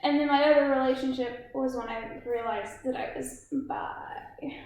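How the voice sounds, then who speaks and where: A young woman with a high voice chats earnestly on a podcast, rushing through her explanations. She sounds as if she were recorded in a bare, very echoey room. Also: steady tone, a little mellow. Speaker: podcast co-host. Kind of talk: casual chat.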